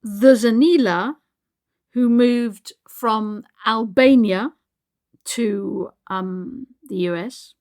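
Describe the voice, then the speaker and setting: A woman's voice: a little high, drawn-out words, darkish tone. A woman hosting a podcast as expedition leader, speaking reflectively with frequent restarts. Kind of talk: podcast narration.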